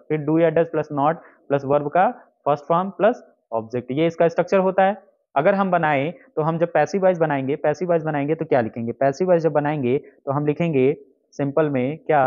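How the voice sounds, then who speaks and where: A man's voice: fairly high pitch, darkish tone. A man teaching an exam-prep grammar lesson, explaining step by step and repeating his own questions as he writes out the examples. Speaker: English teacher. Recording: dull lo-fi lesson recording.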